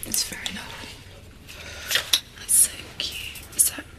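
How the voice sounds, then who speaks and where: A woman plays a buyer who gushes over everything, dropping into a breathy half-whisper. Her voice sits in a middle register, with a faint hiss under the recording. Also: medium pitch, steady tone, fairly quick, lightly acted. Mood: gushing. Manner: gushing, often breathy and whispered. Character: gushing female buyer, easily impressed.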